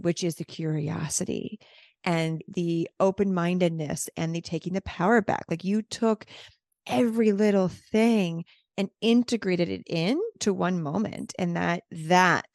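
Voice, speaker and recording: Woman host on a video call, a bit low and gravelly, dry sound, says like a lot. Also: darkish tone, dry recording. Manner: affirming, reflective, uses casual filler like "like". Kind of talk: virtual round table conversation.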